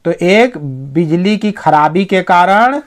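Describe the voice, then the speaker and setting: A man teaching English reading as a Hindi-medium teacher, explaining word by word and reading the English lines slowly and carefully. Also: sits high, animated.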